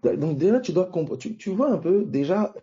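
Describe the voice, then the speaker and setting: Guy preaching slow, keeps asking "you see?", dark husky voice, lo-fi sound. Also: high voice, expressive. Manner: slow, repeats and asks the listeners "vous voyez?" often. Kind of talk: sermon teaching. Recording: dull lo-fi recording.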